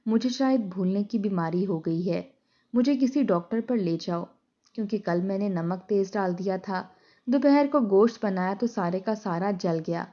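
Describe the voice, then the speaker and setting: A woman voicing a gentle elderly mother who pleads softly and defends her son. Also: medium pitch, normal speed, natural voice. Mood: pleading. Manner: pleading, soft-spoken. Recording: dull lo-fi recording.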